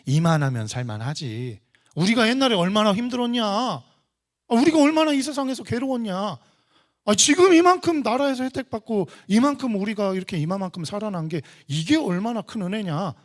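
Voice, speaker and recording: A pastor voicing Satan as a taunting male tempter, mocking and coaxing in a loud, high voice. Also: very animated, normal speed, breathy edge, exaggerated voice.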